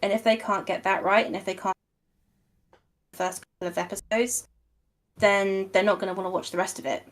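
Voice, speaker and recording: A woman's voice: medium pitch, fairly even intonation, fairly quick. A woman chatting casually on an online voice call, rambling and repeating herself while her voice keeps cutting out. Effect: voice cutting out over a lagging online call. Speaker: guest on a streamed chat. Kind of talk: casual chat.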